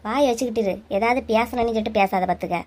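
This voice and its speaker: A woman's voice: a little high, fast, darkish tone, close to an everyday voice. A woman voicing a village wife who scolds and tries to settle a quarrel, with a Kanyakumari Tamil accent. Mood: scolding. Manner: scolding, bossy. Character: middle-aged village wife scolding and mediating. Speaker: channel creator voicing characters. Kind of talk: cartoon voice acting.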